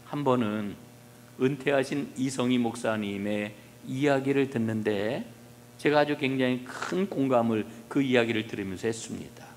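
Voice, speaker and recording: A male pastor preaching a sermon, questioning the congregation and swinging between soft, low passages and loud emphasis. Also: moderate pace, a little hiss or hum. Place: church sanctuary. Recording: long reverb of a church hall.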